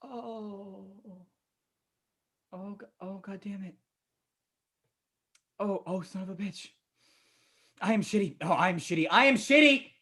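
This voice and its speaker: A woman's voice: mid-range voice, lively intonation, fast talker, few pauses, fairly bright tone. A woman acting an injured adult in a comic stage play, panicky, swearing and sarcastic. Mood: panicked.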